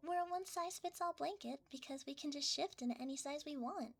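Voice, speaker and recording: In an ASMR roleplay, a woman voices a shy, cuddly shapeshifting creature that is hesitant, easily flustered and often half-whispering. Her voice sits high with vocal fry and moves fast, in a soft, playful mood.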